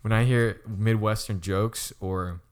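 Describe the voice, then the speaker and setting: A man's voice: fairly low pitch, steady tone, slow. A young man co-hosting a casual chat, rambling with lots of stammered restarts and frequent laughter. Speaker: podcast co-host.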